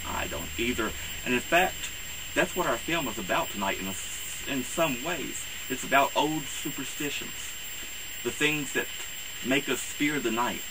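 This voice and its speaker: A man speaking as a campy horror host, introducing things in a rambling, halting, theatrical way. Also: mid-range voice, lively intonation. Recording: clear hiss and background noise.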